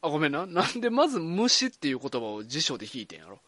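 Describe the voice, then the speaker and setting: A man's voice: fairly high pitch, sing-song, fast, bright, forceful tone, no room sound. A man with a Kansai accent, chatting casually as a co-host, laid-back and teasing, with many short agreeing replies. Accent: Kansai Japanese. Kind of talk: casual chat.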